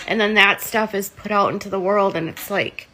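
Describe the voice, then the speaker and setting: A woman's voice: medium pitch, steady tone, moderate pace, bright, forceful tone, low-quality recording. A woman talking casually to camera, earnest and emotionally upset.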